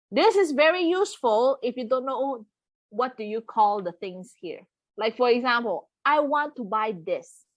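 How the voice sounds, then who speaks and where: A woman's voice: a little high, a bit bright, no echo. A woman teaching an online Mandarin lesson in English, patiently repeating words and checking in with her students. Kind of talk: live online language lesson.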